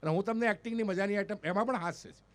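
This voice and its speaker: North gujarati guy in his 50s doing standup, high voice, keeps acting out the people in his stories. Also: racing. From North Gujarat, India. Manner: animated, acts out the dialogue of people in his stories. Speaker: stand-up comedian and mimicry artist. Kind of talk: live comic storytelling on stage. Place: event stage before an audience.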